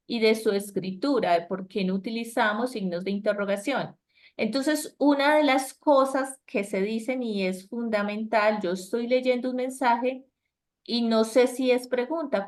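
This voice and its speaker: A woman teaches an online English lesson. She explains grammar patiently in a mid-pitched voice and keeps asking her students "right?" to check they follow. She is heard through a video call.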